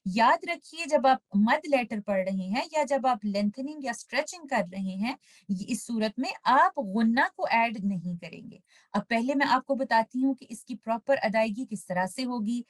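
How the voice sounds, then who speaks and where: A woman with an Urdu accent teaching Tajweed, patiently explaining each rule and then slowly reciting the example words. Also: on the high side. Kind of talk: step-by-step recitation lesson.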